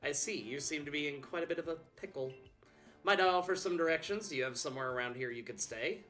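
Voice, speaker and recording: A man reading the lines of a chatty, old-fashioned male professor in a quick, fussy, questioning way. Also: fairly high pitch, pushed and bright, faint music behind. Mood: curious.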